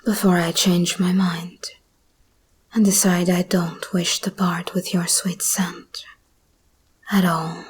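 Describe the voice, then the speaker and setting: Speaking in a slow, teasing, breathy whisper, a woman portrays a seductive, dangerous female monster hybrid for an ASMR roleplay. Her voice sits on the low side, with flat delivery and an exaggerated quality.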